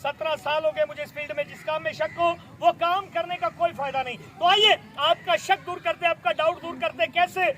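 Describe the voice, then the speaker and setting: A middle-aged man works an outdoor school crowd as a magician, his showy voice pushed up very high. He coaxes the children through each trick, and a crowd of kids and street noise murmur under him. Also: fairly even intonation, fairly quick, few pauses. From Pakistan. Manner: loud, showy, coaxing children as "beta". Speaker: stage magician. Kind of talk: live magic show patter for schoolchildren.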